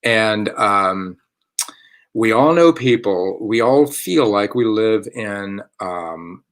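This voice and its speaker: Speaking from home in a fairly low voice, a man who is a theater company's artistic director leads a relaxed online chat that is streamed live. He drifts off topic, corrects himself mid-thought, and laughs softly throughout, all unscripted and loose.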